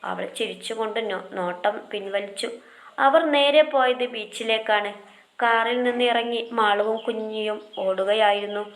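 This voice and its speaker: A woman narrating a story in a gentle, expressive way. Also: a little high, normal speed.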